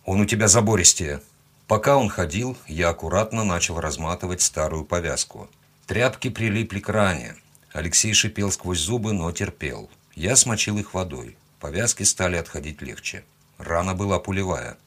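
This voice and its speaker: Male audiobook narrator, low husky voice, gruff matter-of-fact delivery. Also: lively intonation, normal speed, a bit bright. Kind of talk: first-person audiobook narration.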